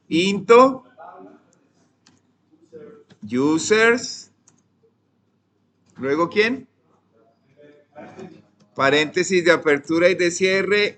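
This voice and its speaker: A young man with a Colombian accent, teaching a programming class, dictating code and quizzing his students, often trailing off softly. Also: high-pitched. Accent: Colombian Spanish. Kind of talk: live coding lesson.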